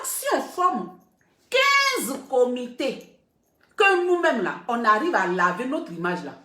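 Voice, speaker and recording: Middle-aged woman blogger, fairly high voice, animated and insistent, echoey room. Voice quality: animated and emphatic, repeating points for stress. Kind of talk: casual live video talk. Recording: roomy echo.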